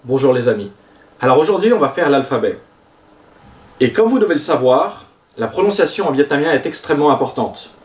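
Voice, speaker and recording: A man teaching a language lesson, explaining vowel sounds and drawing out example words slowly. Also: medium pitch, big pitch swings, distant mic. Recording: roomy sound, voice a bit off-mic.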